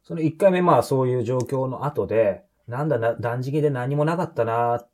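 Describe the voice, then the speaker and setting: A man interviewing a guest in casual talk, asking quick questions and answering with frequent short replies. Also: medium pitch, darkish tone. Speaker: podcast interviewer.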